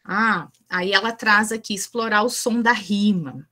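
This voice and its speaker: A woman's voice: medium pitch, a little slow, sharp tone. A woman leads a teacher-training lesson on early childhood education. She talks in a chatty, informal way. She often checks in with her listeners. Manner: chatty, asks the group for go-ahead.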